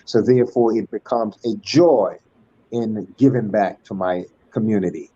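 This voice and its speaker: Older man, low mellow voice, muffled call. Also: moderate pace, breathy edge, no echo. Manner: ornate, churchly phrasing with many fillers and restarts. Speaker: guest speaker, school alumnus. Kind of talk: formal online panel talk.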